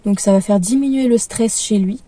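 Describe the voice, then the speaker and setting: A young adult woman giving parenting advice in a calm, gentle way, with frequent hesitations. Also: mid-range voice, normal speed, dry recording, distant mic. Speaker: parenting vlogger. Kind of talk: casual advice talk.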